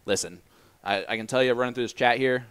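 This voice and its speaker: A man's voice: mid-range voice, fast talker, a bit bright, clear, resonant tone. A man from Indiana with an American accent, hosting casual, bantering darts commentary with a joking, teasing manner. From Indiana, United States. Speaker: stream commentator and host.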